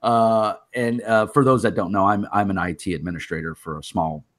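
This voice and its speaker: A man's voice: fairly low pitch, fairly even intonation, brisk, a bit bright. A man, hosting a casual interview and teasing his guests with jokes and laughs. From Texas. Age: 50s. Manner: joking, teasing, laughs often. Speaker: host.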